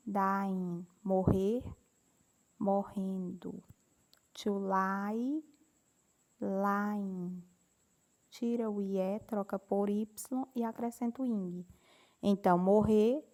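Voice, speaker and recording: A female English teacher whose first language is Portuguese gives a classroom grammar lesson, explaining slowly and patiently with repeated examples. Her medium-pitched voice is a little mellow, with a gravelly edge.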